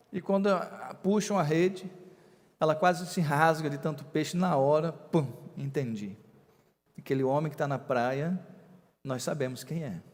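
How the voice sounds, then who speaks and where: A man, a bishop preaching a sermon with emphatic, drawn-out stresses on key words. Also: mid-range voice, a little mellow, big-room sound.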